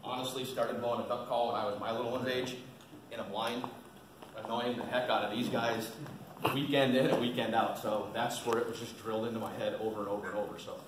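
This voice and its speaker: A man's voice: mid-range voice, fairly even intonation, a little fast. A man presenting an informal how-to seminar to a group, plain-spoken and folksy, repeating his points for emphasis. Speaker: seminar presenter, experienced waterfowl hunter. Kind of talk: informal instructional talk to a group. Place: indoor seminar at a museum. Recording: roomy, distant mic with faint noise.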